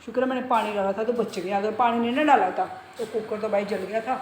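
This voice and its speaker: A woman's voice: mid-range voice, fast. Middle-aged woman, home vlogger, rambling chatty delivery, phone audio with faint room hiss. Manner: chatty, rambling, talks to her pet. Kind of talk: casual chat to camera. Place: home kitchen and bedroom. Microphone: phone in hand.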